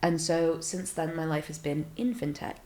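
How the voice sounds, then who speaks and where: A woman's voice: deep voice, normal speed. An American woman in her thirties from Silicon Valley, a startup founder chatting as a guest, telling stories animatedly and acting out her own reactions. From Silicon Valley, California, USA. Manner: animated storyteller, acts out her own reactions, many fillers. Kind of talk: casual interview chat.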